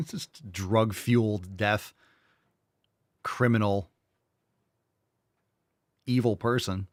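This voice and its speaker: A man's voice: fairly low pitch, steady tone, drawn-out words, pauses often, dry recording, studio quality. A man hosting a casual live commentary show, talking bluntly and profanely in a mocking way. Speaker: show host.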